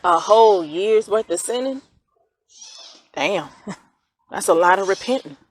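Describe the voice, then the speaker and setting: A woman acting a grieving mother in a stage play, speaking colloquially and swinging between hushed grief and angry outbursts. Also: mid-range voice, lively intonation, measured pace, low-quality recording. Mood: bitter. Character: grieving mother, raw with sorrow and rage. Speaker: mother of a son shot by police.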